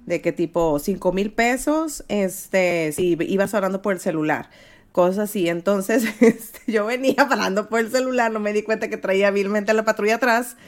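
A woman with a Mexican Spanish accent, co-hosting a podcast in casual chat, an animated storyteller who laughs often and acts out scenes. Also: mid-range voice, moderate pace. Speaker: podcast co-host.

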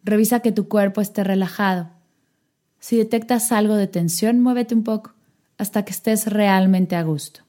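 A woman guiding a meditation, giving soft-spoken instructions with long pauses. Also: mid-range voice, fairly even intonation. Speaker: meditation guide. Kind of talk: guided meditation.

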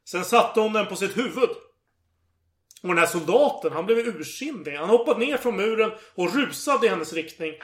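A man casually retelling a story in a podcast chat, animated and acting out the quoted lines. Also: high-pitched, echoey room.

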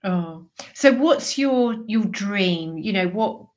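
A woman's voice: mid-range voice, lively intonation, takes it slowly. A woman podcast host who asks long, meandering questions in a casual interview.

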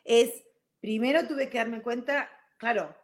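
A middle-aged woman with a Rioplatense Spanish accent talks casually to her live viewers about personal growth. She speaks in loose, chatty runs, breaking off and restarting her thoughts. She keeps checking in with a quick "ok?" after her points. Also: a little high. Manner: chatty, frequent "ok?" tags. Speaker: live stream host. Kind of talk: casual talk on self-growth.

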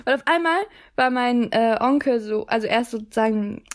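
Young woman podcasting, laughs a lot, throws in english bits, bit high voice. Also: brisk. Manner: laughs often, mixes English into German. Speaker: podcast co-host. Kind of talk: casual chat.

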